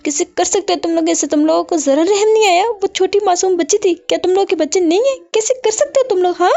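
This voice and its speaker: A woman's voice: sits high, brisk, warm tone. A woman voicing a fierce, protective young mother who cries out in anger and grief, on a dull lo-fi recording. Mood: furious.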